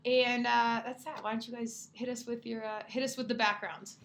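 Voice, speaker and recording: A woman's voice: fairly high pitch, level tone, moderate pace, a bit bright, a little hiss or hum. A woman over thirty hosting a casual podcast in a playful, slangy, teasing way, her mouth a little numb from injections. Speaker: podcast host.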